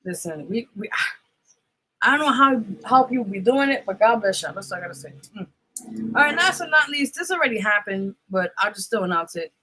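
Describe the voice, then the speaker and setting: A woman's voice: mid-range voice, expressive, pushed and bright, slightly rough, poor audio. Casual, profane New woman host. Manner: reads news items haltingly, adding profane offhand comments. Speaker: radio show host. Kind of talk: casual news rundown.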